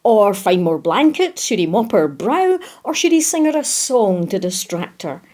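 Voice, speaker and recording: A woman voicing an old male spider who tells a story, clearing his throat and chuckling. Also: mid-range voice, very animated, normal speed, a little mellow. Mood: fond recalling.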